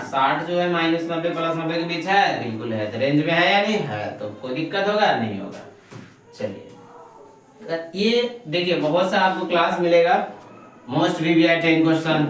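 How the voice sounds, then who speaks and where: A man's voice: a little high, slight background noise. A man teaching an exam-prep math lecture, posing questions to his students and answering them himself, and fondly calling them "babu". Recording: very echoey room, mic set far off.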